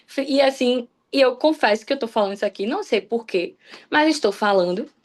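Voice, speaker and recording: A woman's voice: a little high, a little fast. A young woman from Salvador, Bahia, giving a personal devotional talk on a church livestream, speaking candidly and often restarting her sentences. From Salvador, Bahia, Brazil. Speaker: guest preacher on a church livestream.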